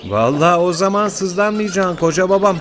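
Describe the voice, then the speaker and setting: An actor playing a cheeky young village lad in a radio play, teasing in folksy rural speech. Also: male voice, high-pitched, expressive, normal speed, noisy background. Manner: teasing, impudent.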